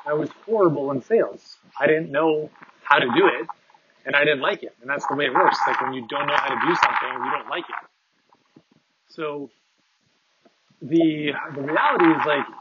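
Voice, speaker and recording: A man hosting a podcast, talking casually and rambling with lots of fillers while out on a walk. His voice sounds tinny, like it's in a tin can, recorded through earbuds on a phone. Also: on the high side. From Canada. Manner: rambling, filler-heavy, conversational. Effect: tinny, tin-can sound from earbud mic. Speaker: podcast host. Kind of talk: casual monologue while walking. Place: outdoors on a walk, windy. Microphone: phone with wireless earbuds. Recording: tinny muffled earbud mic, faint wind.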